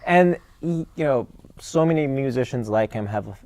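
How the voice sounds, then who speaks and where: A young adult man co-hosting a podcast, talking about a film in a relaxed, eager way and chuckling now and then. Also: medium pitch, normal speed, no echo. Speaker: podcast co-host. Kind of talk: casual chat.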